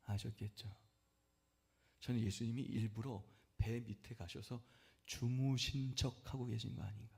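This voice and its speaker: A male pastor preaching a sermon to his church, often asking the congregation questions and answering them himself, and rising to loud, high-pitched exhortation. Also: fairly even intonation, measured pace, gravelly, husky. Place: church sanctuary.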